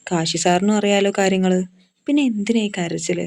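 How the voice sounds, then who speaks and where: A woman's voice: medium pitch, fairly quick, creaky, a little mellow, natural voice. A woman voicing a caring young woman friend who talks in a firm, reassuring way.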